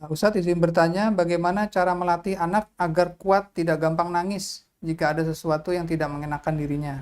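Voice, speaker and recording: A woman's voice: on the low side, fairly even intonation, a little fast, darkish tone. A woman moderating a religious Q&A, reading questions out politely and adding short agreeing replies. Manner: polite, brief backchannel.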